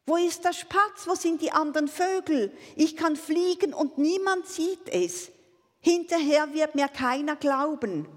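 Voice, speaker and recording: Storybook ostrich, male, proud and clumsy, shouting high and loud, read by a woman. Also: a little slow, long reverb tail. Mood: disappointed. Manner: excited exclaiming.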